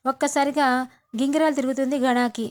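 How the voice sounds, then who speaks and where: A woman's voice: high-pitched, steady tone, a little fast, a little mellow. A woman retelling a TV serial episode, reading each line of dialogue aloud and tagging who said it. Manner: reads dialogue aloud with "she said" tags. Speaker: TV serial reviewer.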